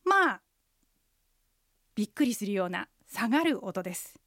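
A woman co-hosting a radio language lesson, slowly and carefully explaining how sounds are pronounced. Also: mid-range voice, animated, no room sound, clean studio sound. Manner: slow, careful explanations of pronunciation. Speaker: Chinese language instructor and co-host. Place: radio studio.

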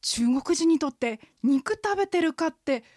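A woman in her forties hosting a radio language lesson, explaining pronunciation slowly and carefully. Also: very high voice, expressive, darkish tone, no echo, studio quality.

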